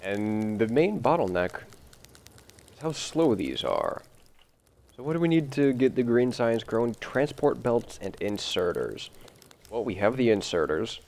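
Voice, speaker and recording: Gravelly, slow-talking man, morning-groggy. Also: lively intonation, darkish tone. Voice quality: deep, gravelly voice. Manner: rambling, talks to the game's machines as he builds. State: groggy from early morning recording. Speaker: gameplay video host. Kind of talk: casual gameplay commentary.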